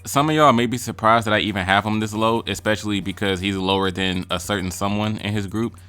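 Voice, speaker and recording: A man's voice: lowish voice, fairly even intonation, quick pace, pushed and bright, smooth, faint music behind. A man giving casual ranking commentary on rap verses, blunt, profane and mocking. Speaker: music reaction vlogger.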